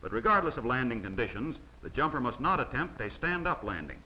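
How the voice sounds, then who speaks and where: A man narrates a training film, reading instructional script in a measured way with a mid-range voice and big pitch swings. The sound is the dull, noisy audio of an old 16mm film soundtrack.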